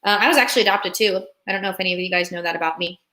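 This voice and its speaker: A young Russian-born woman with a lowish, sharp voice talks very fast on a live stream. Working as a relocation consultant, she chats upbeat with viewers and reads their comments aloud.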